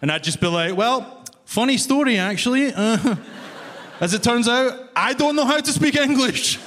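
His pitch climbs very high and his intonation is lively, though his pace stays normal and his tone a bit bright. This Glasgow-born stand-up, Glaswegian accent and all, mocks himself wryly while chatting with the crowd in a big concert hall. Laughter fills the venue, with live reverb and faint room noise.

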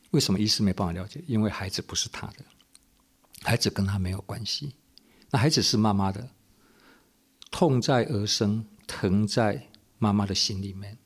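A man, a pastor and radio host, giving an earnest, measured sermon and repeating phrases for emphasis. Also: lowish voice, creaky, slightly rough.

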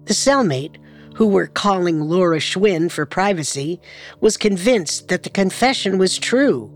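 A woman narrating a true crime podcast in a measured, dramatic scripted style. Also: on the low side, animated, soft background music.

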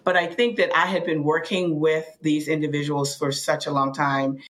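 A woman from the Bahamas speaking as a panel guest, earnest and measured, often restarting her sentences. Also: deep voice, little pitch movement, poor audio. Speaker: panel guest, finance and blockchain official. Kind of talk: reflective panel answer.

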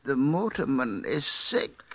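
A man's voice: mid-range voice, sing-song, takes it slowly, fairly bright tone, dry recording, full character voice, rough recording. An actor playing a frail, despairing older male prisoner with a quavering voice in a radio drama. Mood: weary. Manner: fearful, quavering.

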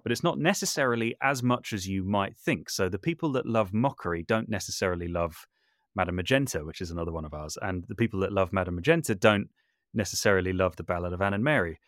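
Speaking fast and expressively, this low-voiced man has a slightly bright tone captured in a dry, studio-grade recording. He's a podcast guest who makes audio dramas and does voice work, and he explains things informally in a relaxed interview.

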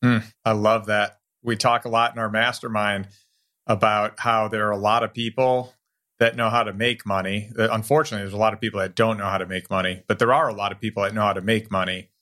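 A man's voice: on the low side, level tone, quick pace, sharp tone. A man speaking as the host of a podcast, addressing guest and listeners. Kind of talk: podcast hosting.

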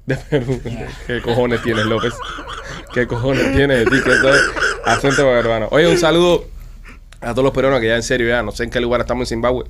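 A young man hosts a casual podcast at a quick clip. He teases his friends and hops from topic to topic, his voice sitting at an ordinary middle pitch. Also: steady tone, fairly bright tone, slight background noise. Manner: playful, teasing, jumps between topics. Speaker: podcast host.

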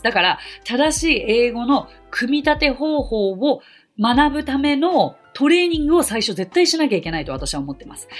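Woman podcast host and English teacher, husky and expressive, earnest explainer. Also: a little high. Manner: earnest, explanatory, with bursts of excitement. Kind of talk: podcast talk.

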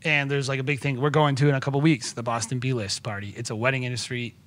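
Bright-voiced excitable man talking shop. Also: medium pitch, quick pace. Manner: enthusiastic, rambling with many restarts. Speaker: podcast guest, wedding filmmaker. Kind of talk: casual podcast conversation.

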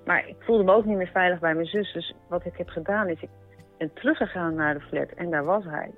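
Halting woman recounting, phone-like sound. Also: lowish voice. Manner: halting, with many pauses, fillers and restarts. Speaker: storyteller recounting a personal experience. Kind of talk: personal testimony, conversational. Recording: narrow phone-like sound with faint music behind.

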